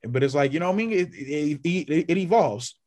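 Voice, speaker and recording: A man's voice: fairly high pitch, expressive, brisk, darkish tone. A man co-hosting a podcast in casual chat, rambling with many restarts and perking up when he lists names. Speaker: podcast co-host.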